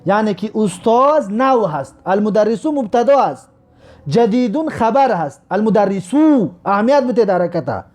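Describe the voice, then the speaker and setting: A man teaching an Arabic grammar lesson. He spells out each example slowly and keeps urging students to pay attention. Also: sits high, a little mellow. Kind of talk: recorded classroom lesson.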